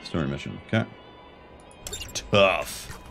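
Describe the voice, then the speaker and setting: With a low, creaky, slightly bright voice, a man takes his time while streaming a game. He's animated, tossing out loose, slangy thoughts and observations as video game music runs underneath.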